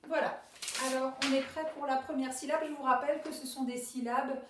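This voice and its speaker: A woman leads a dictation lesson for young pupils, drawing out every syllable with unhurried care. Her voice sits a touch high. The sound is roomy and a little distant from the microphone. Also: fairly even intonation, background noise. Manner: slow, careful, stretches out each syllable. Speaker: primary school teacher.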